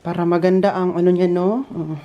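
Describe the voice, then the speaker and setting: A man's voice: high-pitched, flat delivery, moderate pace, dull audio, a little hiss or hum. Giggly chatty man in echoey rooms. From Philippines. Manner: gossipy and giggly, laughing often. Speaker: vlogger working at a hotel. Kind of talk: casual chatty vlog. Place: indoors in a hotel. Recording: roomy echo.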